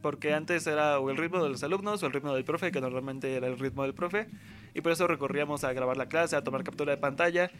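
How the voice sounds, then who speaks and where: Quick and a bit bright, this slightly high male voice plays with faint music behind it. The speaker is a young adult university student with a Mexican accent, chatting in a rambling, slangy style. He acts out the things other people said.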